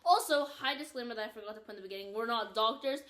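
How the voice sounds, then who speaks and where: A teenage girl co-hosting a podcast, chatting and telling stories in a lively way with lots of "like". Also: on the high side, racing. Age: teens. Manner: chatty, animated, heavy use of "like". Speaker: podcast co-host. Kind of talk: casual chat and storytelling.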